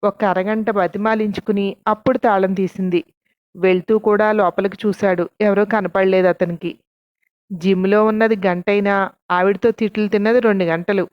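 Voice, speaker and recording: A woman's voice: medium pitch, fairly even intonation, moderate pace, no echo. A woman narrating a story and reading the characters' lines herself with light voicing. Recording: dull, dry lo-fi sound.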